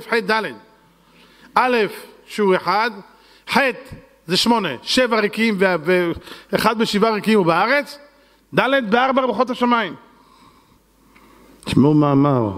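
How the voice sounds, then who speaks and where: An Israeli man delivers a lively rabbinic talk, slipping in and out of the voices of the story he tells. His voice sits high for a man. The sound carries a long reverb, as if from a large hall. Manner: acts out dialogue in shifting voices, shouting and laughing. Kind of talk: animated Torah lecture with acted-out story.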